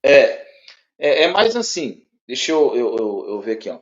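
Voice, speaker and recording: A man with a Brazilian Portuguese accent teaches a one-on-one lesson, talking haltingly, repeating words, and checking in often. His medium-pitched voice is sing-song, and the recording has a dull lo-fi sound.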